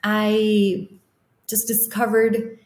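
A woman's voice: mid-range voice, flat delivery, extremely slow. Woman from Ecuador, roomy echoey sound. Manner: warm, laughing, reflective storytelling. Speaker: guest. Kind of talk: casual interview chat. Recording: roomy echo.

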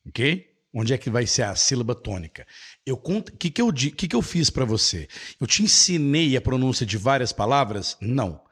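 Male language teacher, emphatic, lively pitch swings, husky tone, rhetorical asides. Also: normal speed. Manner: emphatic, checks in with rhetorical questions. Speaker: English teacher. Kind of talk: online language lesson.

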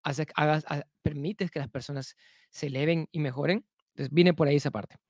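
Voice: mid-range voice, steady tone, brisk, darkish tone, no room sound, studio quality. A speaker giving a spoken self-help lesson who keeps repeating key phrases, asks rhetorical questions and leans often on "entonces" to link ideas.

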